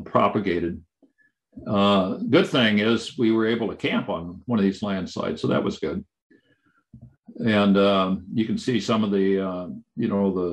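Presenter: man with a lowish voice, unscripted slide lecture, hesitant delivery full of fillers. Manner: halting, many fillers and restarts.

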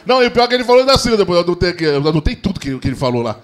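A middle-aged man doing a stand-up comedy routine, telling animated stories full of acted-out quotes. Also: high-pitched, very fast, a little hiss or hum. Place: comedy stage before a live audience. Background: audience laughter.

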